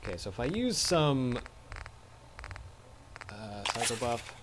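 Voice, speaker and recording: A man's voice: mid-range voice, very animated, slow. Guy streaming a game, chatty, laughs a lot, faint hiss behind. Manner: chatty, laughs easily, thinks aloud. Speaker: live streamer. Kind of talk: casual gameplay commentary.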